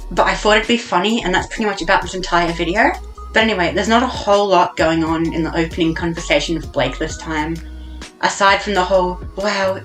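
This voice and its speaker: A woman's voice: fairly low pitch, fairly bright tone. A woman giving a casual voice-over commentary about a video game, rambling along with a sarcastic, jokey manner.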